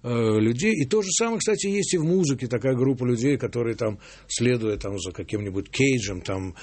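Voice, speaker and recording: An older man, a composer, giving animated, opinionated answers in a radio interview. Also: mid-range voice, fairly quick, slightly rough, no echo. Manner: animated, opinionated, quoting others mockingly.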